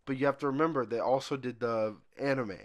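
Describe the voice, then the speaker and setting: A man's voice: mid-range voice, a little fast. Laid-back young man listing dates. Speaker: podcast co-host. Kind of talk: unscripted casual chat.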